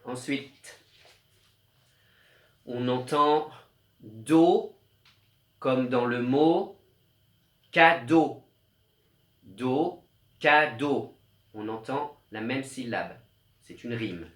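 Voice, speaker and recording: A man teaching a remote lesson to young children, slowly stressing each syllable as he explains musical notes and rhymes. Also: mid-range voice. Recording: echoey room.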